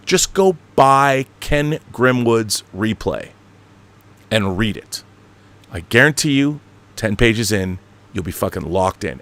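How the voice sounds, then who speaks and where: On his film and book livestream, a middle-aged American host chats casually and fields viewer questions, opinionated and forceful, cursing freely and drifting into digressions. He has a medium-pitched, slightly bright voice.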